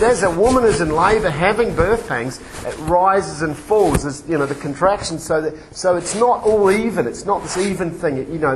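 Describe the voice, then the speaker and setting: A man preaching in a lecture-like way, halting and discursive, often correcting himself as he goes. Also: on the high side. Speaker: preacher giving a teaching. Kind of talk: sermon-like lecture with quotations read out. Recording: clearly noisy recording with clicks.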